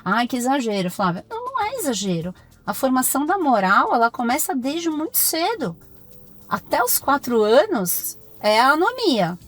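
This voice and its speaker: A Brazilian woman, a pediatrician, talking as a podcast guest in firm, animated stories full of acted-out dialogue. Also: high voice, normal speed, faint music behind. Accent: Brazilian Portuguese. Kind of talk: podcast interview conversation.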